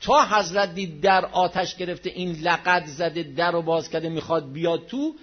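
Husky man preaching with dramatic swings. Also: steady tone. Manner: swings between loud outcries and low hushed passages. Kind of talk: dramatic religious storytelling sermon. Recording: dull lo-fi recording.

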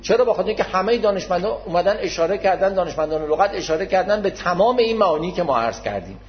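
In a patient, formal religious lecture, a man explains his subject and keeps repeating key terms. His voice is expressive and fairly high for a man, and he addresses listeners modestly and formally. The recording sounds dull and lo-fi.

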